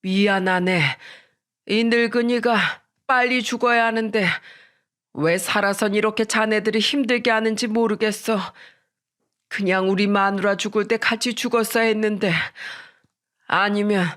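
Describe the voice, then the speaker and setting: A narrator voicing a weary old father-in-law, ashamed and resigned, speaking slowly and pleadingly. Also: mid-range voice, fairly even intonation, a bit bright, close to an everyday voice.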